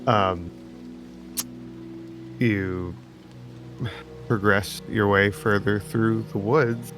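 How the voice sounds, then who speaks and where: A man with a fairly low voice narrates a tabletop scene as game master, taking his time and filling pauses with "uh" and "um". Clear music plays under him. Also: steady tone. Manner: slow, descriptive, with many fillers. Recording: background music.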